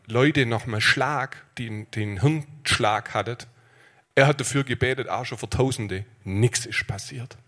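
A man preaching a sermon, moving between quiet storytelling and loud, high, impassioned calls.

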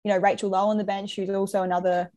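A woman's voice: mid-range voice, flat delivery, fast, mellow. A woman in her twenties with a Queensland Australian accent, chatting informally as a soccer player being interviewed. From Brisbane, Australia. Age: 20s. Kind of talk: casual chat.

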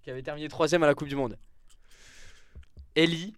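A man's voice: fairly high pitch, steady tone, fairly quick, no echo, studio quality. A young man presenting a sports segment in casual radio chat, hesitant, full of fillers and restarts, often poking fun at himself. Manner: hesitant, lots of fillers and restarts, self-mocking. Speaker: sports columnist on a club show.

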